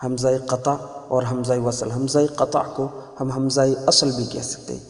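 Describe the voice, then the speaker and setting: A male Arabic teacher with a mid-range, level voice gives a spoken grammar lesson, patiently repeating the main points for emphasis. The recording was made in an echoey room with long reverb.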